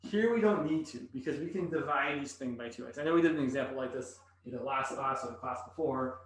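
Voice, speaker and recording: A man teaching calculus thinks out loud as he writes on the board during a recorded class. His mid-range, fairly bright voice moves at a quick pace, captured from afar in an echoey room with slight background noise.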